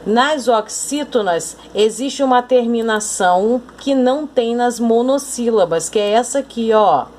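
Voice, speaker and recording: A woman teacher with a Brazilian Portuguese accent, explaining a school lesson slowly and deliberately and often pointing things out. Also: fairly high pitch, darkish tone, a little hiss or hum.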